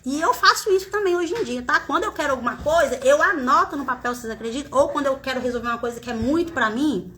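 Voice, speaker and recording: A woman with a Brazilian Portuguese accent, a confectioner talking casually to viewers on a live stream from indoors, into a phone camera, chatty, animated, with constant tag questions. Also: sits high, fast, hardly any pauses. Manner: animated, dramatizes her own past despair. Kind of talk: casual motivational live chat.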